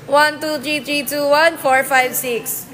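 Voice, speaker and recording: A woman's voice: high voice, fairly even intonation, takes it slowly, a bit bright. A woman hosting a casual live stream, answering viewer comments with playful, teasing comebacks. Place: billiards venue.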